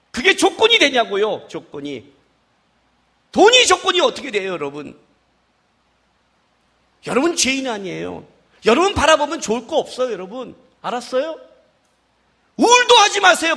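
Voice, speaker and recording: A man preaching a sermon as pastor at a worship service, playful and lively, acting out dialogue and firing rhetorical questions at the congregation. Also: very high-pitched.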